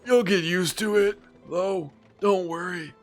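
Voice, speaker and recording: A friendly old cart driver with a reedy, raised voice, played by a man. He sounds concerned and neighborly. Faint game music runs behind him. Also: a little slow. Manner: high, loud old-man put-on voice.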